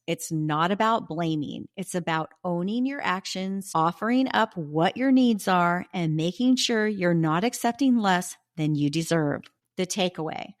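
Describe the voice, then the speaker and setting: A woman hosting a self-help podcast, coaching listeners warmly and repeating affirmations slowly and deliberately. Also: fairly low pitch. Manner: reads prompts and affirmations twice, slow and deliberate; warm encouraging coaching tone, bursts of sassy emphasis. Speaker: podcast host.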